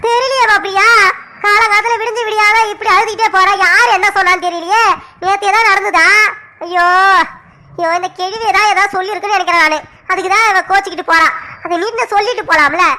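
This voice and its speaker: A woman's voice: very high-pitched, fairly even intonation, fast, pushed and bright. A woman voicing a fretful middle-aged village mother in a cartoon, scolding and fussing with frequent exclamations. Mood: worried. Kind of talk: cartoon voice acting.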